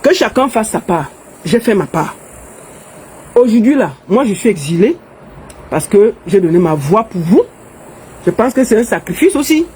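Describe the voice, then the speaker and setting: A middle-aged woman with a Cameroonian French accent delivers a fervent political monologue straight to camera. Her pitch leaps and dips with lively, expressive swings as she hammers her points home again and again. A light hiss of noise sits beneath her voice. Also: rough recording. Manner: emphatic, repetitive, insistent. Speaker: political activist in exile.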